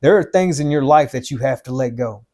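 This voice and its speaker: A man in his fifties talks a little fast in a medium-pitched, darkish voice, giving no-nonsense motivational life advice on a podcast. He keeps repeating points for emphasis and addressing the listener as "man" and "dude."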